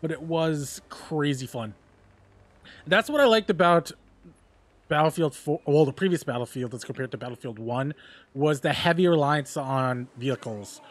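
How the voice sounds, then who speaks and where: A man's voice: on the high side, moderate pace, no room sound. A man casually commenting while he plays a game on a live stream, chatty, exclaiming and laughing during fights, humming bits of tunes.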